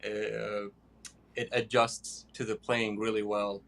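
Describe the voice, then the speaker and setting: A young man from Iraq answers questions about his playing. His voice sits a little low, and he pauses often with fillers as he searches for words. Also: little pitch movement, vocal fry, fairly bright tone. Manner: hesitant, many fillers. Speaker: guest pianist. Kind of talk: interview answers.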